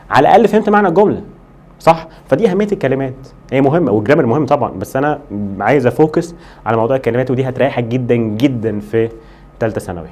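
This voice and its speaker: An Egyptian Arabic-accented man teaches an English lesson at a brisk clip. He slows right down to drill English words and keeps answering questions he asks for his students. His pitch sits in an ordinary middle range for a man. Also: darkish tone. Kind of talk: lively classroom lesson.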